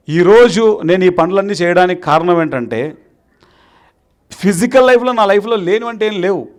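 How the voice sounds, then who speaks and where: A man with a high-pitched voice delivers a rousing motivational speech to a room of students. He exhorts his listeners and keeps urging the crowd to clap. English words slip into his speech as he goes. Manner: exhorting, rallies the crowd to applaud. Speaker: meditation teacher addressing students. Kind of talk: motivational speech to a live audience.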